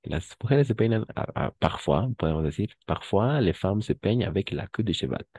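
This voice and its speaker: A man's voice: deep voice, animated, moderate pace, dark tone, slightly rough. A man teaching a French lesson, patiently explaining and switching between French and Spanish. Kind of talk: online language lesson.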